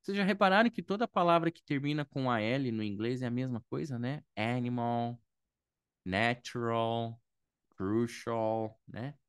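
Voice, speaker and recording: A man's voice: medium pitch, a little slow, clean tone, no room sound, clean studio sound. A man from Brazil teaching airport vocabulary in a casual online lesson, explaining patiently, checking in with his students often and thinking aloud. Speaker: English teacher.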